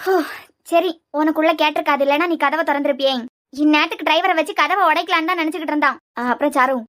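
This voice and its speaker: A woman voicing a bossy, suspicious cartoon grandmother with a Kanyakumari Tamil accent, scolding in rapid questions. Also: sits high, fairly even intonation, fairly bright tone. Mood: questioning. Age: older.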